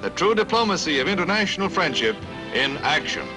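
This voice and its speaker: A man's voice: on the high side, big pitch swings, fairly quick. 1950s newsreel announcer, a man with a punchy delivery. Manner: punchy, dramatic announcer delivery with wry quips. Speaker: newsreel narrator. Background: music.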